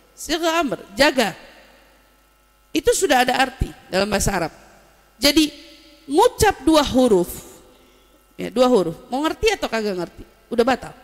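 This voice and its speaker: A woman giving a lively religious lesson, explaining Arabic terms and telling anecdotes. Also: on the high side, big-room sound. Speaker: Islamic religious teacher.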